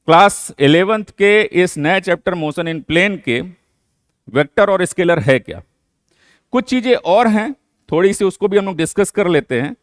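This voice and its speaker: A man's voice: sits high, dry recording, studio quality. A man teaching a physics lesson, explaining step by step and answering his own questions. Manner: mixes English terms into Hindi. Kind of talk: classroom lecture.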